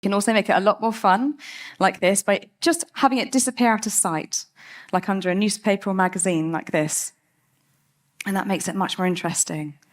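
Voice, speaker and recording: A woman giving a lively, chatty talk on stage as a cat behaviour speaker, laughing often. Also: mid-range voice, fairly quick. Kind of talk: TED-style talk.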